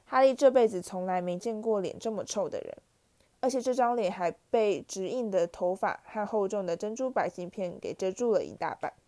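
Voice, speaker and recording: Woman narrator, mellow, steady audiobook reading. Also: mid-range voice, moderate pace. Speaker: storyteller.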